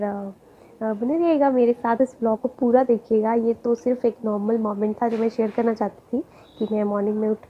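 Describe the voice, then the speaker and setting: Hoarse young woman vlogging on a tinny phone. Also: a little high. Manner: chatty, frequent clearing of throat and hesitations. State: hoarse, sore throat. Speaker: beauty vlogger. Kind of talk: casual vlog chat. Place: drawing room at her mother's home. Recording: tinny phone-like sound, faint noise.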